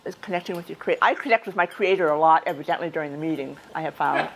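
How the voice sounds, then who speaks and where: An American woman with a deep, gravelly voice talks fast in an informal, chatty speech at a club meeting. She speaks conversationally, restarting often and adding asides. The recording is rough.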